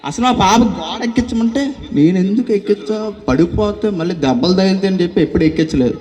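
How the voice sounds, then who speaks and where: A man's voice: sits high, fast talker, a little mellow, lightly acted. A man playing a blustering, self-important village president in a church skit, bossy and chuckling as he talks. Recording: roomy hall with a faint crowd.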